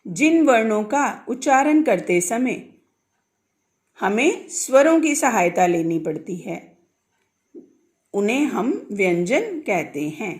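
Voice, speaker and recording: Lady teaching sanskrit grammar, slow and steady, asks the class stuff then answers it herself. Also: fairly high pitch. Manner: slowly sounds out letters one by one.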